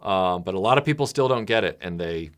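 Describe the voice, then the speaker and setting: A man speaking bluntly and casually to his supporters, now and then mimicking other people in loud, high voices. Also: lively intonation, fairly quick. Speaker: channel creator addressing patrons.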